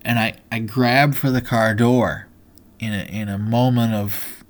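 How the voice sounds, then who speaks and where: A man's voice: on the low side, fairly even intonation, unhurried. A man hosting a podcast, telling a personal story in an earnest, motivational way, with many fillers and restarts. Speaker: podcast host.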